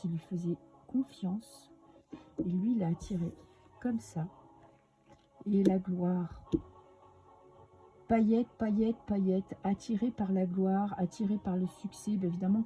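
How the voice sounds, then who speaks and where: A woman's voice: medium pitch, mellow, breathy edge, muffled recording. A woman with a French accent giving a casual, chatty tarot reading to her viewers, with many fillers and restarts. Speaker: tarot reader.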